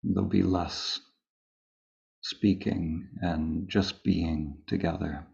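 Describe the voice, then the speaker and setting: Speaking live, a meditation teacher guides listeners slowly with a deep, gravelly voice, his tone steady and calm. Brief phrases are followed by long silences, and the recording comes across slightly muffled and dull.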